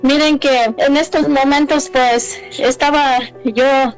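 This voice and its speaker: A woman giving a religious testimony, a little nervous, talking haltingly with many restarts and fillers. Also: sits high, fairly even intonation, faint music behind, low-quality recording. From Mexico.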